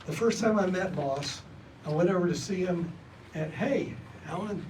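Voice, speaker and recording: A man hosting an event, introducing a guest speaker in a loose, halting way with many fillers. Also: high-pitched. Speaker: event host. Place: library meeting room. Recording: distant mic with noisy room.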